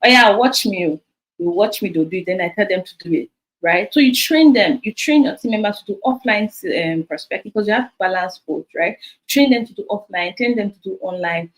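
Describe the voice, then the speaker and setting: A Nigerian woman in her thirties coaches her sales team, talking into her phone. She is lively and direct, with a mid-pitched voice, and slips in Pidgin while she repeats each key point. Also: brisk, rough recording. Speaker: business coach.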